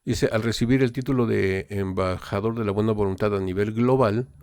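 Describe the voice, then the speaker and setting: A man hosting a reaction channel translates on the fly and comments casually, hesitating often and filling pauses with "eh" and "este." His voice is lowish and darkish with fairly even intonation, captured in a dry, studio-quality recording.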